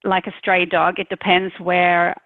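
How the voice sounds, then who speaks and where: A woman in her forties with a South African accent softened by Australian and American tones. She chats easily as a podcast guest, pausing often with "um". Her voice sits a little low and comes through a dry, tinny line. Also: level tone, dry recording. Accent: mixed South African, Australian and American. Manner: chatty, frequent "um" fillers. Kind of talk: casual interview chat.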